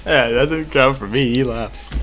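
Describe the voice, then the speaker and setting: A man's voice: medium pitch, normal speed, a bit bright, faint music behind. A young man hosting a homemade video in casual, slangy chat with a friend. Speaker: video host.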